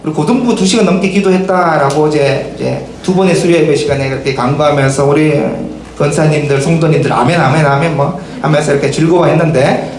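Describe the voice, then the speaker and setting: A man preaching to teenagers as their pastor, questioning them directly and acting out quotes in a lively way. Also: a little high, brisk. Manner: lively, asks the youth many direct questions and acts out quotes. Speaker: pastor preaching to a middle school summer Bible school. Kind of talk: sermon to teenagers. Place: church worship hall. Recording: very echoey hall, faint noise.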